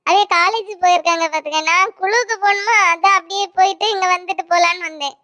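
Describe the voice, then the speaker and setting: A voice actor playing a middle-aged aunt with a Kanyakumari accent who talks in a drawn-out, singsong way in a cartoon. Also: female voice, very high voice, pushed and bright. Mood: chatty. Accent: Kanyakumari Tamil. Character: chatty, slow-talking aunt visiting family.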